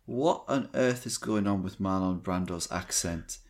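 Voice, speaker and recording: A man co-hosting a podcast, giving measured, critical film opinions with frequent hesitations. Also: low-pitched, a little mellow. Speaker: podcast co-host. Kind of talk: casual film discussion.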